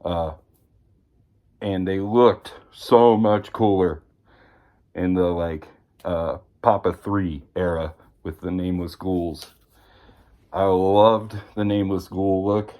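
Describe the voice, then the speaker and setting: A man's voice: sits low, steady tone, takes it slowly, pauses often, dark tone. A man vlogging a casual show and tell at home, chatty and rambling with a self-deprecating humor. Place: indoors at home.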